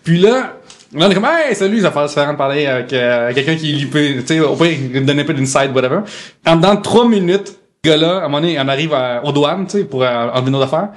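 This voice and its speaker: Fast-talking Québécois man. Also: fairly high pitch. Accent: Québécois French. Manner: animated storytelling, many repeated words. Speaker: podcast guest. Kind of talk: casual chat.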